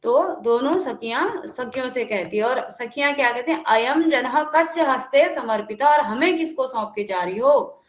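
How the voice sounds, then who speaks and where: A woman teaching a live online class, reading verses slowly and then explaining them in a conversational way, greeting students as they join. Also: on the high side, lively intonation, echoey room. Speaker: Sanskrit teacher.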